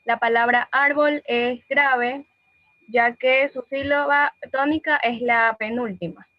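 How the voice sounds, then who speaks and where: A woman's voice: sits high, fairly even intonation, slow, dry recording. A woman student giving brief, matter-of-fact answers in a class presentation. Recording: dull dry lo-fi sound.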